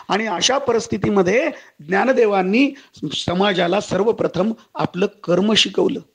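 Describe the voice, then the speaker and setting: Male lecturer, high gravelly husky voice, oratorical delivery with recited verses. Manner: oratorical, addresses audience as friends, recites verses. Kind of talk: public lecture.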